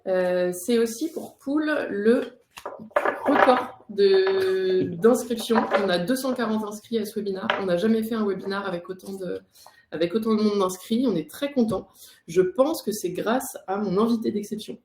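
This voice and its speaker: A woman's voice: medium pitch, normal speed, very noisy. A woman from France hosting an online talk show in a friendly, casual way. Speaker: host. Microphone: video call. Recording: echoey room.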